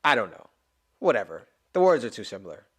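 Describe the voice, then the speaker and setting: Lively, animated man reacting emotionally. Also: fairly low pitch, fast, breathy edge. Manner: animated, emotional, exclamatory, rambling. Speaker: musician reacting to a stage musical. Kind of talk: casual reaction commentary.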